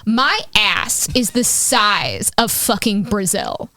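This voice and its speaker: A woman's voice: mid-range voice, wildly swooping pitch, slow, sharp tone, no echo, clean studio sound. A young woman co-hosting a podcast in casual chat, frank and crude, with comic exaggeration. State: pregnant, exhausted. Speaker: podcast co-host.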